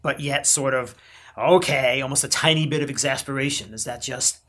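Bright-toned jokey podcast host. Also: mid-range voice, brisk. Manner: relaxed, jokey interviewer. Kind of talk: casual podcast interview.

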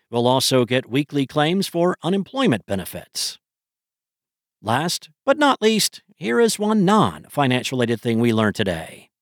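A man's voice: medium pitch, no room sound, studio quality. A man hosting a podcast, reading scripted financial news. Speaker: podcast host.

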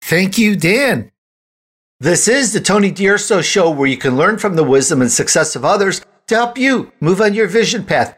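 A show host with a high-sitting, fairly bright voice and a breathy edge reads scripted announcements and sponsor copy straight to listeners. He sounds animated and keeps a moderate pace.

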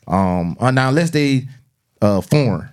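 A man's voice: medium pitch, animated, measured pace, clear, resonant tone. A man with a South Carolina Southern accent chatting and debating casually as a podcast host, using slang and swearing freely.

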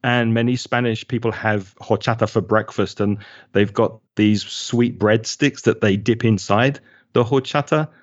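A relaxed man with a London accent talks warmly in a casual interview, his voice sitting a little low. He is enthusiastic and carefully spells out names. The sound is dry and slightly muffled. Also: unhurried, dry recording. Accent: London English. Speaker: guest, local resident.

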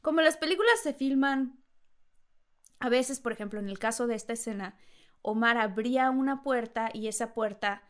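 A woman's voice: a little high, normal speed. A woman, a podcast guest, telling a funny anecdote and acting out the voices, laughing often. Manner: lively storyteller, acts out voices and laughs often.

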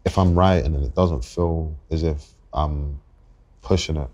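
A very deep-voiced young man from London talks through his thoughts as a podcast guest, his pitch staying level and even. He is reflective and halting, circling back and restarting sentences as he works out what he means. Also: muffled recording. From England. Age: 20s. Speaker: guest rapper. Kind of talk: podcast interview.

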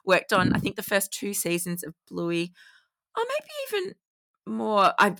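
A woman co-hosting a podcast in casual chat, lively and quick to laugh. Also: mid-range voice, vocal fry, no echo. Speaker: podcast co-host.

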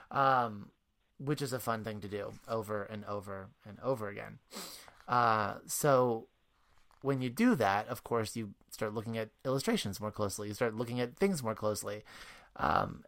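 A man's voice: mid-range voice, fairly bright tone. A man speaking as a parent guest, telling rambling anecdotes in casual chat and laughing often.

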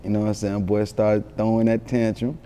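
A man tells stories in a relaxed interview. His voice is mellow and dark, and the hall gives it a long reverb. He talks loosely and excitedly, swears, and keeps adding "you know what I'm saying". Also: lowish voice, brisk, clear, resonant tone. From Atlanta, born in Yonkers. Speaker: interview guest, rapper. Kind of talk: casual storytelling interview.

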